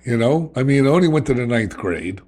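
A man's voice: medium pitch, animated, fairly quick, darkish tone. A middle-aged man with a New York accent, telling his recovery story in a blunt, streetwise way, often checking in with "okay?". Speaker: guest sharing recovery story. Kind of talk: candid conversational storytelling.

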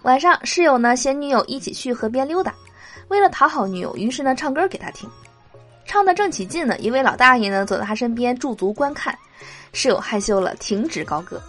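A woman's voice: high voice, lively intonation, brisk, a bit bright. Young woman host reading out jokes, bouncy voice going up and down, cheery, a bit of music under her.

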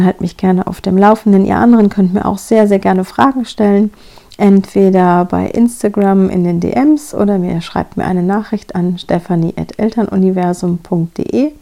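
A woman's voice: mid-range voice, dark tone. A woman hosting a show, giving direct and reassuring parenting advice straight to her listeners. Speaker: parenting coach and podcast host.

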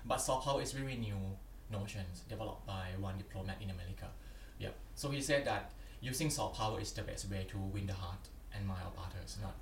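A young Thai-accented man with a low voice speaks a bit quickly and rarely pauses. As a PhD candidate guesting on a podcast, he answers earnestly in plain language, tossing in "yeah" and "yep" a lot. The sound is roomy and far from the mic, with faint background noise.

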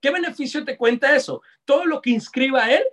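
A young Mexican man with a Mexican accent, giving live online sales coaching in a lively, slangy way that talks straight to his audience. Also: very high-pitched, brisk. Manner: energetic, slangy, addresses audience directly. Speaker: sales trainer.

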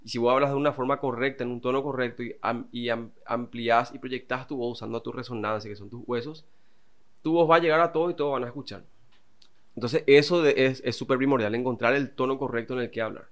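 A man's voice: medium pitch, fast. A man who teaches singing and voice, explaining vocal technique in a casual interview.

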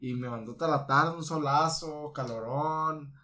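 A man's voice: a little high, a little slow, pushed and bright. A man with a Mexican accent co-hosting a podcast, reflective and talking casually. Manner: reflective, with many restarts. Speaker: podcast co-host. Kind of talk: casual chat.

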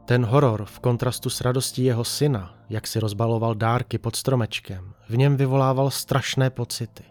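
A man calmly reading a dark story aloud as narrator, in an even storytelling manner. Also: medium pitch, soft background music.

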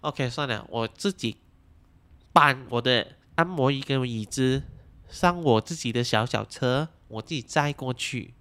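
A woman with a Malaysian Mandarin accent chatting on a podcast, telling an anecdote in an animated, exasperated way. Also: rumbling low, measured pace. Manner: animated, exasperated storyteller who acts out the people she quotes. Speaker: podcast speaker. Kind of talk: casual chat, telling an anecdote.

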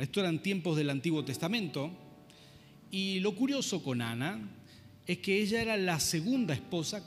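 A man preacher delivers a storytelling sermon in a fairly high voice. He keeps checking in with his listeners as he goes. His words ring out in a long church reverb while soft instrumental music plays behind him. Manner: storytelling, asks listeners for agreement.

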